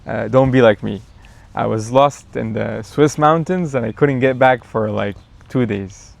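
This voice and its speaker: A man chatting as a guest in a casual backyard interview, telling a story in a relaxed, rambling way with fillers. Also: mid-range voice, measured pace, vocal fry.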